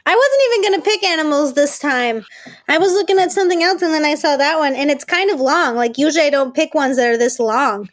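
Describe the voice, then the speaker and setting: A woman with a high-pitched voice co-hosts a podcast. She talks in a casual, conversational way. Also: fast. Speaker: podcast co-host. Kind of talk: casual chat.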